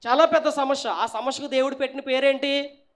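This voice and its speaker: A man preaching as pastor, asking the congregation questions and prompting them to answer, swinging between loud and hushed. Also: extremely high pitch, fairly even intonation, brisk. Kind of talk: sermon.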